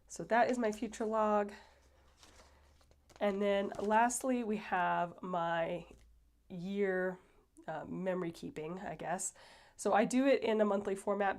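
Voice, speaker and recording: A woman's voice: fairly low pitch, darkish tone. Stuffy, chatty woman planner vlogger. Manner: chatty, rambling, lots of fillers. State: stuffy and a bit breathy. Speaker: planner channel host. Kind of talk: casual planner flip-through.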